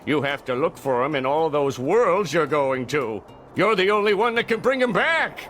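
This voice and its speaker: An actor playing a tiny scheming plankton villain in a cartoon video game, pompous, irritable and imperious. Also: male voice, on the high side, lively intonation, moderate pace, fairly bright tone, faint music behind. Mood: bossy irritation. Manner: imperious, sneering.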